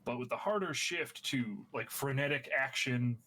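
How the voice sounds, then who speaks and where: A man co-hosting a casual podcast, curious and quick, telling loose stories. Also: medium pitch, sharp tone. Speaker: podcast co-host. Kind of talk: casual chat.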